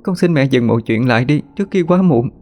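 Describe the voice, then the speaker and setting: A man's voice: medium pitch, lively intonation, fast talker, a little mellow, voice pushed up, lightly acted. A man putting on a weak pleading young woman. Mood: begging. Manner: faint, pleading.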